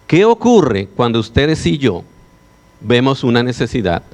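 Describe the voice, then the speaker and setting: A man's voice: medium pitch, big pitch swings, measured pace, darkish tone. A man preaching a sermon as pastor, putting rhetorical questions to his congregation. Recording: long hall reverb.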